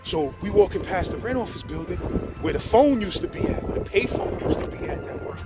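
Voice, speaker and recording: A man with a New York accent telling a casual, profane, animated story, often asking if you follow him. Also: high voice, a little fast, over loud music. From Brownsville, Brooklyn, New York. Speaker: guest telling prison stories.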